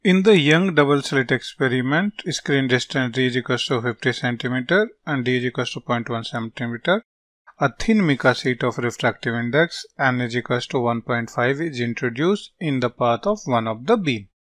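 A man with a North Indian accent teaching as a physics tutor, working through solutions step by step in short, halting phrases as he dictates. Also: mid-range voice, fairly bright tone, no echo. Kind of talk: step-by-step lesson, reading out worked solutions.

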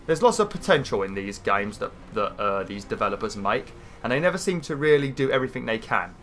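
A man's voice: mid-range voice, big pitch swings, a little fast, fairly bright tone, soft background music. A British man in his thirties with a nasal voice, as if pinching his nose, rambling casually and swearing a bit as he commentates on a video game. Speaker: gaming video host.

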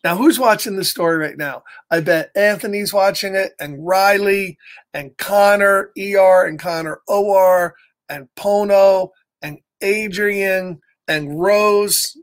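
Indoors in a small room at home, a children's storyteller, an American man in his fifties, reads from a picture book. His voice is high, and he takes it slowly. He reads with expression and chats playfully with his young viewers.

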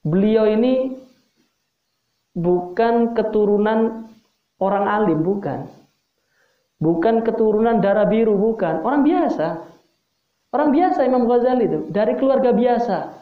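A man's voice: high voice, lively intonation, a little slow, pauses often. Man preaching, says things twice for emphasis, echoey tinny recording. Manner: emphatic, repeats key phrases, addresses listeners directly. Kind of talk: religious sermon.

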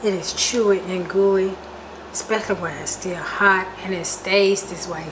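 A chatty woman, talking casually through a cooking vlog. Her pitch sits in the middle, her tone easygoing. The home kitchen recording carries a clear layer of background noise. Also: fairly even intonation, normal speed. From Georgia, US. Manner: chatty, talks with her mouth full at times. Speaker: cooking vlogger.

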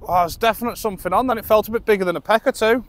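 Fishing from a dock by the sea after dark, this British angler vlogger talks in a high-sitting, racing voice. He's middle-aged, chatty and self-amused, keeping up a casual commentary that a tripod-mounted camera records from a distance.

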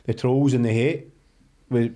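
A man's voice: mid-range voice, steady tone, unhurried, mellow. A man with a Scottish accent hosting a casual podcast chat in colloquial, sweary speech. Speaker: podcast host.

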